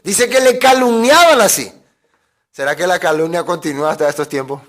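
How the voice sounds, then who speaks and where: Male preacher with a high-pitched voice, teaching through rhetorical questions and mocking quotes. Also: lively intonation, fairly quick, fairly bright tone. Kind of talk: sermon.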